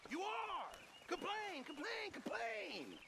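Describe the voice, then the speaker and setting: An actor playing a stout, quarrelsome camp cook, cantankerous and prone to shouting. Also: male voice, extremely high pitch, huge pitch swings, slow, creaky, full character voice. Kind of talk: video game acting. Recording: noisy game audio.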